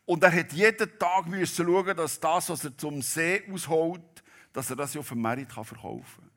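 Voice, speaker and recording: A man preaching a sermon, telling a Bible story dramatically and swinging between loud and hushed delivery. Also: a little high, normal speed.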